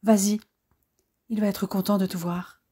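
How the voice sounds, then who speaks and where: A woman voicing a young male officer, anxious and devoted, speaking softly and from the heart. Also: medium pitch, flat delivery, normal speed, husky, close to an everyday voice. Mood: heartfelt.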